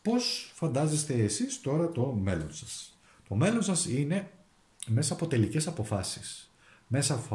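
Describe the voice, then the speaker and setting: Greek male tarot reader, dark mellow voice, thinks aloud over each card. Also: mid-range voice, echoey room. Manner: thinks aloud while drawing and reading cards, with restarts. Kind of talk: monthly tarot and zodiac forecast.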